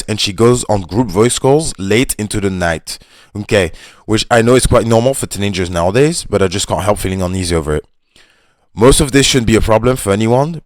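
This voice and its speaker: Low-voiced man doing a casual reaction. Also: no echo, clean studio sound. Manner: halting, loose delivery with many "uh" fillers, calls people "bro". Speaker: YouTube host reacting to a reader's post. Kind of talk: casual unscripted reaction commentary.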